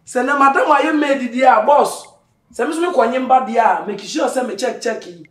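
A man with a Ghanaian accent playing an excitable comic house servant who pleads and rambles in pidgin. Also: extremely high pitch, moderate pace, echoey room. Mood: ranting. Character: jumpy comic male servant pleading with his boss. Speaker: house help. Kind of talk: comic drama acting.

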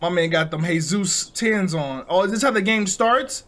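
A man's voice: high-pitched, moderate pace, fairly bright tone. A young man giving joking, slangy commentary on a horror game he is playing. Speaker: gaming YouTuber. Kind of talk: let's play commentary.

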